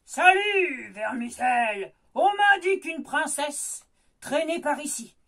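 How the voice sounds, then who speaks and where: A woman voicing a big, greedy male ogre who booms and gloats in a storybook reading. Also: expressive, takes it slowly, a bit bright, exaggerated voice. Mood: gloating. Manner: booming, gloating laughs.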